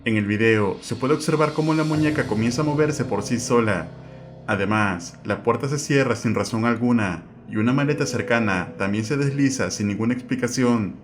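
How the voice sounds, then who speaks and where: A man of middle pitch narrates a scripted voice-over in an even, measured tone. He speaks straight to the viewers. Music plays clearly beneath his voice. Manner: even, measured delivery that asks viewers to comment. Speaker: narrator of the video.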